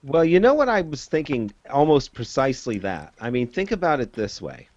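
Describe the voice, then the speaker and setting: A man's voice: medium pitch, very animated, moderate pace, no echo, dull audio. A man in casual chat, talking at length with many fillers and laying out his reasoning step by step. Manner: rambling, many fillers, lays out arguments step by step.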